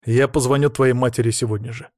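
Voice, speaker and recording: A man's voice: medium pitch, fairly even intonation, fast talker, no room sound, natural voice. A man reading the part of a remorseful, tender father in an audiobook, close to his own voice. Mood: determined.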